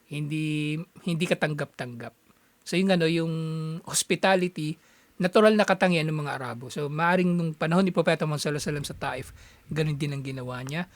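Man giving a casual religious lesson, kinda high voice, keeps pausing to find the word, dry recording. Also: no room sound. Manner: conversational, halting with frequent fillers. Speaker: Islamic teacher. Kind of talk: casual storytelling lecture.

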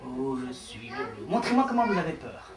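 A woman's voice: rumbling low, big pitch swings, fairly quick, pitched below the performer's own voice. A woman playing a teasing big bad wolf. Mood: mock menacing. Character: playful big bad wolf, male, mock-scary. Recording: roomy hall, far from mic, chatter behind.

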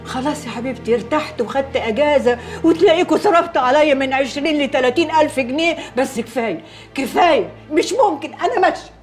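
A woman's voice: high-pitched, lively intonation, fast talker, faint music behind. An actress with an Egyptian accent playing an older mother who scolds and complains, repeating herself in exasperation. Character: fussy older mother, thrifty and restless. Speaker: mother-in-law.

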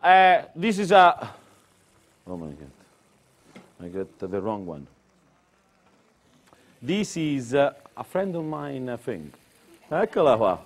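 He has a mid-range voice with big pitch swings, speaks slowly, and leaves long pauses. Originally from Tuscany, Italy, with Italian as his first language and an Italian accent, he narrates a cooking demonstration on a kitchen set in broken English mixed with Italian interjections.

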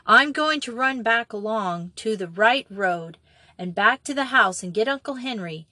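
A woman's voice: on the high side, expressive, unhurried, pushed and bright, no echo, full character voice. A woman voicing a frightened young girl who tries to sound firm and brave. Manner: urgent, trying to sound firm.

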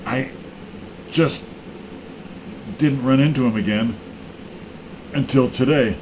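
A man vlogger casually telling a joke story to his viewers in a slow, deliberate, drawn-out way. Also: mid-range voice, a little mellow, slight background noise, low-quality recording.

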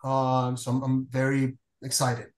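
A Venezuelan payments executive in his forties talks casually on a video call from a room at home, using many filler uhs. His medium-pitched voice is monotone and measured, and the webcam mic picks up reverberation.

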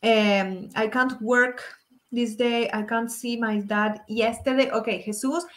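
A young woman from Argentina with an Argentine Spanish accent, teaching English in a live online lesson, drilling examples slowly and checking that students follow. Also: fairly high pitch, steady tone, fairly bright tone, echoey room.

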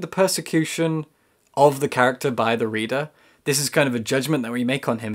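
Young adult male book reviewer, mid pitch, casual but emphatic, repeats for stress. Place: small room indoors with bookshelves.

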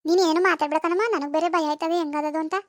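Woman as cartoon village teen girl, rural Karnataka Kannada accent, dramatic pleader, squeaky high voice, dry studio sound. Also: steady tone, racing, dry recording, natural voice. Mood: defensive. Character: anxious teenage village girl awaiting exam results. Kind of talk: cartoon voice acting.

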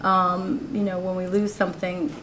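Her voice on the low side, level in tone and moderately paced, a woman in her forties walks through her own artworks in a college gallery talk. Candid and quick to laugh, she says "you know" constantly, captured in a roomy live recording over a faint noise floor.

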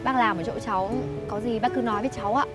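An actress playing a kind young woman who owns a noodle shop, speaking gently and politely. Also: on the high side, racing, lightly acted. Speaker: actress in web drama. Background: music.

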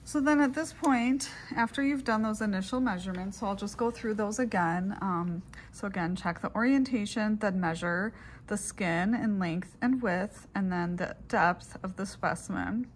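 Female lab instructor, mid-pitched, step-by-step demonstration narration, audible room noise. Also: normal speed. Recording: clearly noisy room recording.

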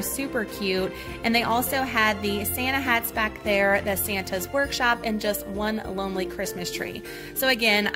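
A shopping vlogger with a Southern US accent and a medium-pitched voice chats upbeat through a shop-with-me video, pointing out items and prices. She films on a handheld phone camera inside a large retail store.

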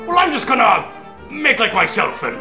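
High wildly swinging voice, fussy male puppet butler, creaky, echoey room. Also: moderate pace. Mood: excited. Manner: fussy, deferential, excitable. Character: small, anxious, eager puppet butler monster, male. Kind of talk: comic puppet sketch. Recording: echoey room, music behind.

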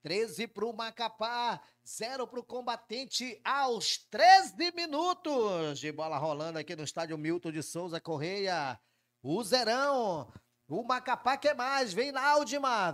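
High-voiced Brazilian male football commentator. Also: animated, a little slow, fairly bright tone, dry recording, studio quality. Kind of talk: live play-by-play commentary.

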